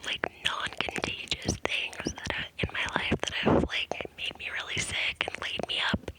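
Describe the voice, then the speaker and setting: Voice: normal speed, poor audio. A person whispering breathily into cupped hands close to the mic, in a casual, rambling ASMR style with hesitant asides. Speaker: ASMR creator. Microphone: close ear-to-ear microphone.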